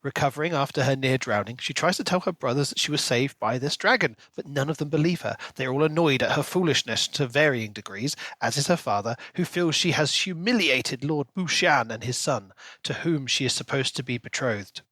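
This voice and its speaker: Close to the mic and conversational, a male co-host discusses a book casually alongside a prepared recap. His mid-range voice is animated, a bit bright, and a little fast, and there's no echo.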